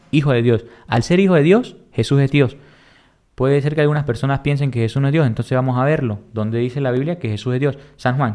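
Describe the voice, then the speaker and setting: Male Bible teacher, mid-pitched, quizzes then answers himself, emphatic and repetitive. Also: darkish tone. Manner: asks questions and answers them himself; repetitive, emphatic, reads verses slowly. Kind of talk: Bible lesson.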